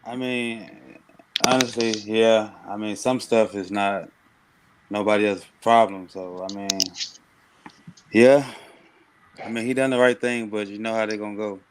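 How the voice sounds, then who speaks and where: A man calling in to a live chat show, talking slowly in a deep, laid-back, mumbling way. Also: fairly even intonation, slight background noise, poor audio. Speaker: caller. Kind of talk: casual chat.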